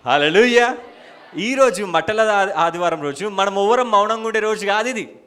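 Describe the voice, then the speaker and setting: A man preaching a church sermon in a Telangana Telugu accent, with shouted hallelujahs and rhetorical questions. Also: high voice, animated, normal speed, smooth. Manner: soft murmured prayer at the start. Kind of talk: church sermon with opening prayer.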